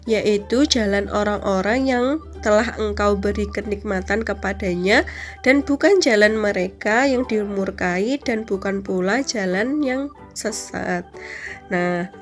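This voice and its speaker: Slow, over-enunciating woman teacher. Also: medium pitch. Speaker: teacher of young children. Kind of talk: slow explanatory religious lesson for children.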